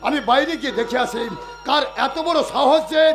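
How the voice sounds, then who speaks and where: A man's voice: very high voice, a little fast. An actor playing an honest, devout older official in a folk stage play, speaking in a declamatory, fatherly way. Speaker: government inspector. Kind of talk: jatra stage acting. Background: stage music.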